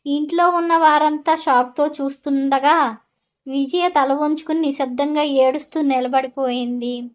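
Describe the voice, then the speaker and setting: A woman narrating a scripted audio story in a steady, earnest manner. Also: sits high.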